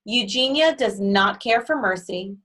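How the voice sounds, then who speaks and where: A kind, fretful woman from a children's storybook who speaks softly and worries, as a woman reads her. She stays mild and anxious. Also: medium pitch, animated, a little slow. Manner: soft and worried.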